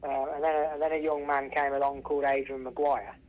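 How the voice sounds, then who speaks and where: A man from England, a racehorse trainer and former jockey, is the guest in a casual telephone interview with a radio-style call sound. His mid-range voice has a level, darkish tone and a fairly quick pace. He restarts often and repeats himself for emphasis.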